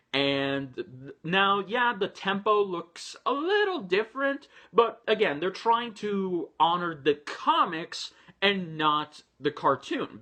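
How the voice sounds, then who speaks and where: A man's voice: sits high, pushed and bright. A man giving chatty, enthusiastic reaction commentary, with frequent fillers and restarts. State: voice a little low. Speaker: reaction video host.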